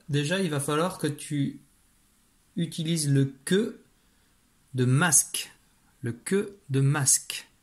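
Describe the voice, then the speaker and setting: A man's voice: fairly high pitch, breathy edge. A man teaching young children in a recorded video lesson, giving patient step-by-step instructions as he writes on a slate.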